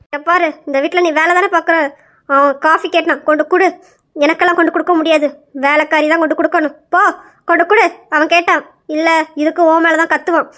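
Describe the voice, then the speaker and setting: A woman's voice: very high-pitched, little pitch movement, quick pace, a bit bright. A woman voicing a domineering old grandmother who rules a wealthy household and schemes against her family. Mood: scolding. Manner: commanding, scheming.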